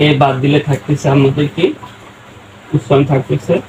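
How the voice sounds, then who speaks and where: A man teaching a spoken-English lesson, slowly breaking words into syllables and repeating them as he writes. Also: a little high, monotone, noisy background. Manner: slow, repeats words syllable by syllable while writing.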